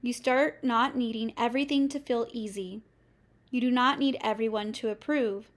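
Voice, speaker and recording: A woman coach delivering a scripted motivational lesson in a measured, steady way, with short listed phrases. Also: a little high. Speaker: business coach. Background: faint music.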